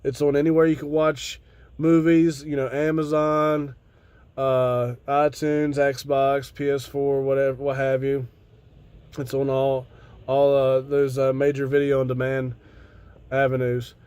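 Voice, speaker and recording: A man's voice: medium pitch, level tone, unhurried, a little mellow, clear, resonant tone, no echo. Stoned American man, rambling casually. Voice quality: frequent casual swearing. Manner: laid-back stoner drawl, rambling. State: stoned on cannabis. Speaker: video host. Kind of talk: casual rambling vlog chat.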